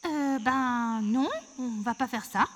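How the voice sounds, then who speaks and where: A shy, clever little girl from a storybook, voiced by a woman, hesitant and pleading. Her voice is high. Faint noise sits behind her. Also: slow.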